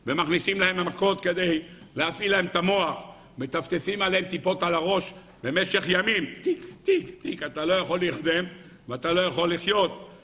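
Male rabbi, high bright voice, dramatic storytelling sermon. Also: big-room sound. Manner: dramatic storytelling with swings in pitch and pace.

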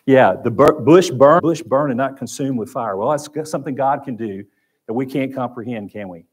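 Teaching Sunday Bible class in a church room with a projector screen, this Oklahoma-accented man speaks conversationally and often repeats phrases. His voice is mid-range at a moderate pace, and there's a little hiss or hum on the recording.

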